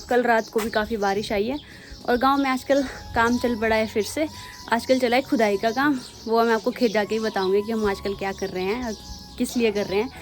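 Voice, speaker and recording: A young woman from Himachal with a Pahadi Hindi accent, chatting casually through a village vlog outdoors at her farm. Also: a little high. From Himachal Pradesh, India. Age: young adult. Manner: chatty, shows things as she goes. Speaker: vlogger.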